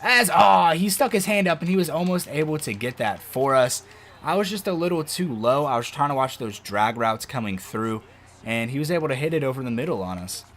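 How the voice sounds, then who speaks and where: Excitable man doing football game commentary. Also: medium pitch, brisk, slight background noise. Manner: excitable, loud outbursts over game plays. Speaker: gaming video host.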